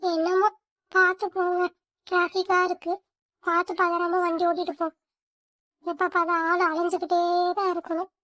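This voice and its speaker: A shrill, very high old grandmother who nags and sneers at her grandchild, as a woman acts her out. She sounds harsh and contemptuous, with close, dry sound and no room around the voice. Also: level tone, moderate pace, pauses often, pushed and bright, no echo. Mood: grumbling. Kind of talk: family skit.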